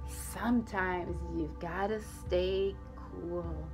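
A woman voicing an eager, well-meaning young male shark in a storybook, speaking earnestly in slow sing-song rhymes. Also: lowish voice, music in the background.

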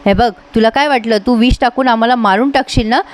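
A woman reading as a hostile suspicious mother-in-law, curt, dismissive, slightly high voice. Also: fast, lightly acted.

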